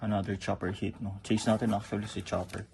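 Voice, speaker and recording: In a casual card showcase, a man chats about his trading cards and keeps checking in with viewers, often ending sentences with "no?". He speaks fairly quickly in a fairly low, flat voice. Background noise is clearly audible.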